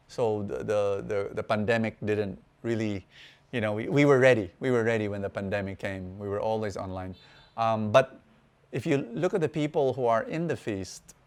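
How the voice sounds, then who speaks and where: Animated middle-aged man telling a church story. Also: medium pitch. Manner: animated storyteller, acts out quoted voices, repeats words. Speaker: preacher. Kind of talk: storytelling sermon talk.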